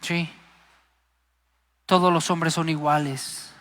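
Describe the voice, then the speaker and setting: A man voicing a young person who refuses to marry, in a quiet, resigned tone. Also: fairly high pitch, steady tone, takes it slowly. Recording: long hall reverb.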